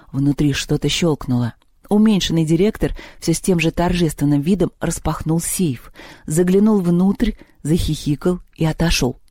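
An audiobook narrator reading a children's story in an even, measured voice. The tone is mellow and dark, with a middle pitch. The recording is close and dry. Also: no echo.

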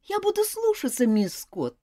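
A woman voicing a spoiled, willful little girl who whines and pleads in a high, swooping voice. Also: huge pitch swings, normal speed, mellow, full character voice. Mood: pleading. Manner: whiny and pleading.

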